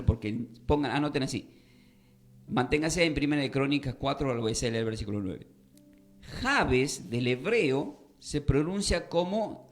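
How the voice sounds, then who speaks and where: Man teaching Bible on radio, a bit high-pitched, emphatic and questioning, faint music underneath. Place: radio studio.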